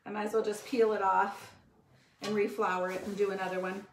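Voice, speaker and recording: A woman's voice: medium pitch, level tone, fairly quick, noisy background. A middle-aged woman hosting a live home cooking demonstration, chatting to viewers while she works at the counter. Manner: chatty and friendly, talks to viewers while working. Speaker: cooking show host. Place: home kitchen, indoors. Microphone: fixed camera across the counter. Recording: roomy kitchen echo.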